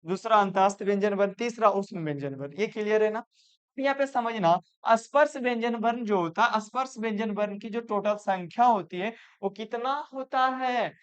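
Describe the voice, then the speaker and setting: Clear-voiced grammar teacher. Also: male voice, high voice, highs cut off. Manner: repetitive, asks and answers his own questions. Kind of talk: classroom grammar lesson. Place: classroom with students.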